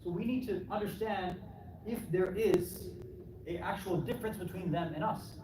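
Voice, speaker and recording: Speaking at normal speed in a high voice, a man gives a colloquial English sermon to a congregation at an Islamic center hall. He poses rhetorical questions, asks "right?" and voices imagined answers. The mic sits fairly far away, so the audio is noisy and full of room echo.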